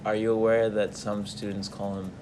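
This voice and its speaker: A young man running a mock-serious interview with deadpan, formal questions. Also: lowish voice, moderate pace, heavy background noise.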